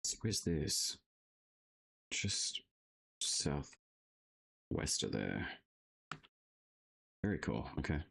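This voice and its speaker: A man's voice: very deep voice, very animated, very slow, vocal fry, pauses often, fairly bright tone, breathy edge. A man streaming a game, casually musing aloud to himself as he plays. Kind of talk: casual live-stream commentary.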